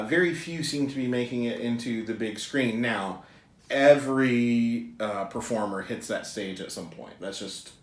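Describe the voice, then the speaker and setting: A man's voice: mid-range voice, echoey room. A man co-hosting a trailer reaction show, chatting casually in a rambling, joking way with lots of ums and uhs.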